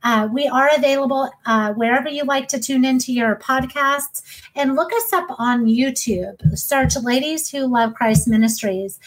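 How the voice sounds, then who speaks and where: Enthusiastic high-voiced woman host. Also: moderate pace, low-quality recording. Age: 30s. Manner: enthusiastic and warm, with frequent ums. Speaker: podcast host. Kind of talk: casual podcast talk.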